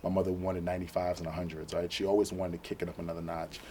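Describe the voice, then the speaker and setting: A young man answers interview questions earnestly, filling his pauses with ums. His voice is very deep and quite flat, and he talks quickly. A faint noise sits behind the studio sound. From Brooklyn, New York. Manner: fluent, frequent ums, earnest. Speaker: political candidate, interview guest.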